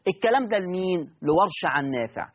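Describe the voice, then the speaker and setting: Egyptian male teacher, high voice, quizzes his class as he explains the rules, dull lo-fi recording. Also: lively intonation, fast talker. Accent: Egyptian Arabic. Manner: explains step by step, asks students questions and answers them himself. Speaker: Quran recitation teacher. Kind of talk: recorded lesson.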